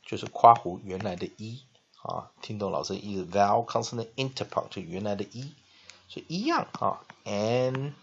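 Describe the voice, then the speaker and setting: A male teacher explaining English spelling, spelling words out letter by letter and repeating them slowly. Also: fairly low pitch, animated, creaky. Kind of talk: classroom-style lesson explanation. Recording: dull lo-fi recording with faint noise.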